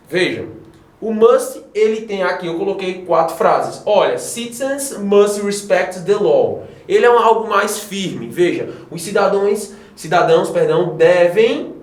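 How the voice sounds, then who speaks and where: A Brazilian man teaching an English grammar lesson, animated and often checking in with his students. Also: high voice, normal speed, echoey room. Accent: Brazilian Portuguese. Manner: animated, addresses students directly with frequent checks. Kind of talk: classroom lesson explaining grammar.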